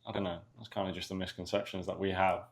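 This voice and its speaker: Gravelly young London-area man. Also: low voice, little pitch movement, fast talker. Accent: English, London area. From England, near London. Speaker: soccer player, podcast guest. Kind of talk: casual interview chat.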